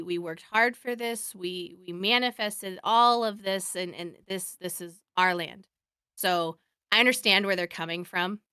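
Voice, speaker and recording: A man's voice: sits high, sharp tone, clean tone, dry recording, clean studio sound. A young man from Oregon co-hosting a podcast, speaking in a thoughtful, agreeable way. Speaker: podcast co-host. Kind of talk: casual chat.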